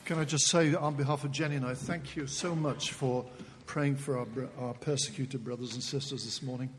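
A man giving church notices at a pulpit microphone. He speaks in a friendly way, halting and restarting his phrases. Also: mid-range voice, steady tone. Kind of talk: church announcements. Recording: long church reverb, faint room noise.

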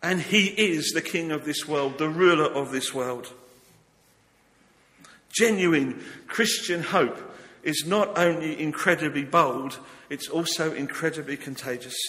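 A man preaching a sermon to a congregation in an earnest, rhetorical way with deliberate phrasing. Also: on the high side, fairly bright tone. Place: church, speaking to a congregation. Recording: long echo of a large hall.

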